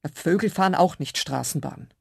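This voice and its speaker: Brief: a woman doing an officious tram inspector man, loud, insistent, slightly raised pitch. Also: brisk, gravelly, breathy edge, dry recording, clean studio sound, exaggerated voice. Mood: stubborn. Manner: officious, insistent, louder than the narration. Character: stubborn rule-bound male tram ticket inspector.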